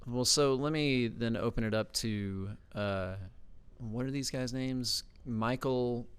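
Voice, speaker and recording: A man's voice: medium pitch, slow pace, clear, resonant tone. A man hosting a podcast interview, loose and joking, with a self-mocking manner. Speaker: podcast host. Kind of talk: casual interview chat.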